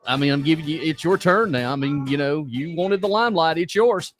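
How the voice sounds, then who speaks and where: A man hosting an online radio talk show in a loud, showy, playful announcer style. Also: fairly high pitch, brisk, faint music behind. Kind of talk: casual call-in-style show banter.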